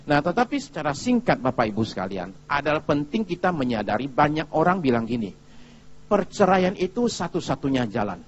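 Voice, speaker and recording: A male pastor giving a sermon in a lively, chatty storytelling manner, often turning to the congregation with asides. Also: medium pitch, highs cut off, a little hiss or hum.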